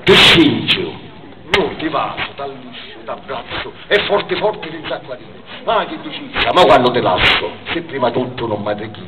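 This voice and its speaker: A man's voice: medium pitch, expressive, moderate pace, muffled recording. A man with a Trapani Sicilian accent, a dialect poet with a theatrical way of speaking at a live event. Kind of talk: live comic poetry recital in dialect. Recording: distant, echoey, very noisy live recording.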